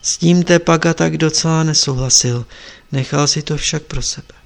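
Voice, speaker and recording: A man narrating a story in a calm, measured way. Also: a little high, gravelly. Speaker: audiobook narrator. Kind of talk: scripted narration.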